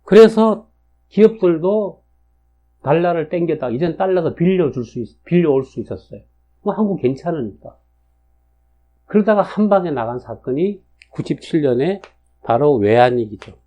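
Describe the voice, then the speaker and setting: Lively-voiced man in his sixties, lecturing. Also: a little high, moderate pace. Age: 60s. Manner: chatty, with frequent fillers and tag questions. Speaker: lecturer on national fortune cycles. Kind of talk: casual spoken lecture. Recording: dull lo-fi recording.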